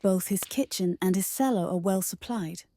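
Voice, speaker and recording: A woman voicing a bossy, matronly old female field mouse from a fairy tale in a soft, breathy voice. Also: medium pitch, normal speed, natural voice. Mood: scolding.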